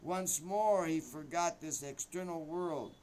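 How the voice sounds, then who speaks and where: A male storyteller with a slightly high voice speaks very slowly, pausing often and adding asides as he tells a devotional tale. A faint hum sits in the background. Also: darkish tone, rough recording. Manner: slow, hesitant, with many pauses and asides.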